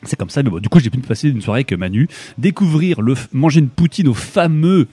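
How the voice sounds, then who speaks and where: A young man from France hosting a radio show, talking casually and haltingly between tracks with lots of fillers and restarts. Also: mid-range voice, lively intonation, mellow, husky, no echo.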